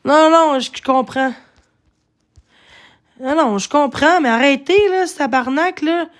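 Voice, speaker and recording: A Québécois woman with a very high voice rants to her live-stream viewers. She sounds agitated, rambles from one complaint to the next and swears often. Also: a little slow. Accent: Québécois French. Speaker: livestreamer. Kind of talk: casual live-stream rant.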